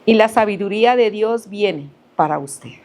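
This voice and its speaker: A middle-aged woman from Central America giving a sermon that mixes a personal hospital story with scripture, telling it with animated, rising emphasis. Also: medium pitch, normal speed. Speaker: preacher.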